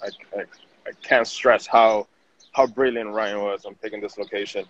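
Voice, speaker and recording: Low-voiced man from Venezuela. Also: steady tone, moderate pace. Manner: restarts and repeats words often. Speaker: guest, digital marketing director. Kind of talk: casual interview talk. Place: outdoors on a city street. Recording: dull audio with faint noise.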